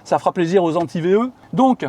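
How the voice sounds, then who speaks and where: A man's voice: sits high, expressive, brisk, a little mellow. A man, hosting and casually explaining electric cars to a colleague, chatty with many fillers. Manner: chatty, many fillers, asks viewers questions.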